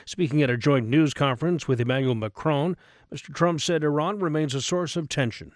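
Newsreader, dry close studio sound. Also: male voice, on the high side, fairly quick, no room sound. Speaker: radio news anchor. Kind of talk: scripted news reading.

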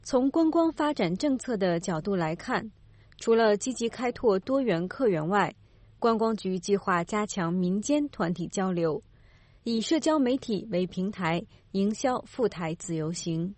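A woman reading a scripted news report in a measured, formal manner. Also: mid-range voice, a little mellow, no echo.

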